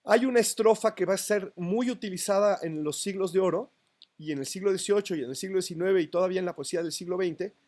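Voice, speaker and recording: A literature teacher with a high, slightly mellow voice talks fast in a university poetry lecture. He counts syllables out loud and checks that his students are keeping up.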